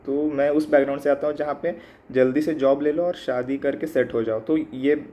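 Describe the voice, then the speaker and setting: A man's voice: mid-range voice, steady tone, normal speed, dark tone. A man in his mid-twenties talking in a casual reflective monologue, hesitant with many fillers and switching between two languages. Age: 20s. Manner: hesitant, many fillers, mixes English into Hindi. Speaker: exam aspirant vlogger. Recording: muffled, slightly lo-fi with faint background noise.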